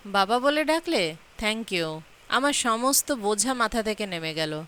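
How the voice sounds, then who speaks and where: A woman reading the lines of a tearful, pleading older father-in-law in a serial recap, in a slightly high voice. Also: expressive, unhurried, sharp tone, clean tone, full character voice. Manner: pleading, emotional.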